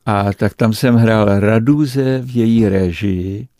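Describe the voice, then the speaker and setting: An older man tells rambling stories from the stage in a warm, mellow voice that is lower than most. He pauses often to find his words, and the studio sound is dry and close. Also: dry recording. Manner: rambling anecdotal storyteller, frequent hesitations. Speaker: actor and entertainer guest. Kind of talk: radio interview reminiscence.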